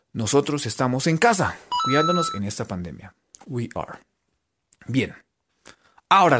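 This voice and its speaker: A man's voice: medium pitch, a bit bright. A man with a Colombian accent giving a playful English lesson on local radio, spelling letters out and checking in with listeners.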